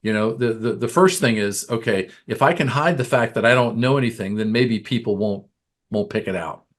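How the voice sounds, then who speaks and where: Measured man explaining on a podcast. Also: mid-range voice. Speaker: podcast co-host, business coach. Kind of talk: casual podcast chat.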